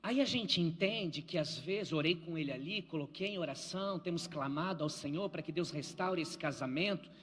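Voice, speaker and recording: A man's voice: on the high side, normal speed, few pauses, fairly bright tone. A male pastor with a Brazilian Portuguese accent preaches emphatically in church, repeating lines for weight and mixing in humor. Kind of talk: live sermon with storytelling. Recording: long church hall reverb.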